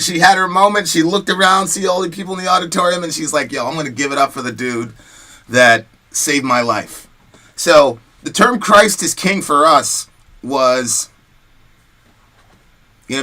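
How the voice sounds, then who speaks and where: With a slightly high voice, a man hosts a show in an animated, chatty way. He trades in casual, slangy remarks and stories drawn from his own life.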